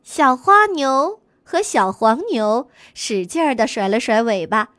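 A woman reading a children's story aloud in a slow, expressive way. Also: a little high, no room sound, clean studio sound.

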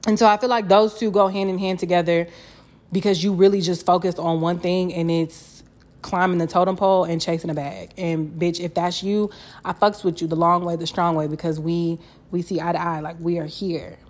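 A woman's voice: on the low side, flat delivery, normal speed, a little mellow. A young woman chatting casually as a solo podcast host, candid and slangy, swearing freely and repeating phrases for emphasis. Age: young adult.

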